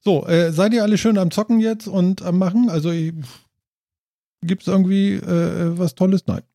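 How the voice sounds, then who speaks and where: A man's voice: sits high, fairly even intonation, moderate pace, vocal fry, dark tone, no echo, studio quality. A man hosting a casual podcast chat, rambling and joking loosely. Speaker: podcast host.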